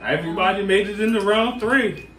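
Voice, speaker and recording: Hosting a candy challenge, a man with a high, brisk, slightly bright voice casually counts down and lays out the rules, calling the group "y'all" and "guys." The mic sits far off in an echoey room with background noise.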